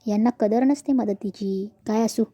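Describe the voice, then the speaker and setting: Sneering sharp-tongued woman, read by a narrator. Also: mid-range voice, measured pace, breathy edge. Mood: scornful.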